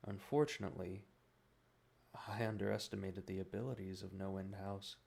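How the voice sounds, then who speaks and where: A man narrating a scripted first-person horror story in a grave, haunting manner, with dramatic pauses. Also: low-pitched, flat delivery, creaky, a little mellow. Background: guitar music.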